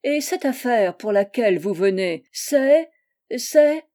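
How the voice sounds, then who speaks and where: Woman reading as a flustered, dignified gentleman. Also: mid-range voice, expressive, normal speed, natural voice. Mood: indignant. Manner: stiffly polite, easily alarmed.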